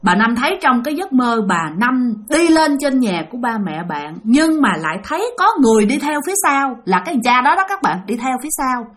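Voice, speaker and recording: A woman's voice: high voice, very animated, fairly quick, few pauses, fairly bright tone. A woman with a Southern Vietnamese accent narrating a ghost story in a chatty way, talking directly to her listeners.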